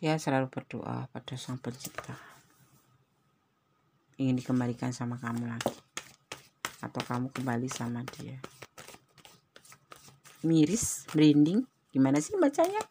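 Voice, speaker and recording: A woman's voice: very deep voice, a little slow, pauses often, mellow, slight background noise. A woman giving a chatty, exclamatory tarot reading to her viewers. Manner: chatty and exclamatory, with frequent religious interjections. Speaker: tarot reader.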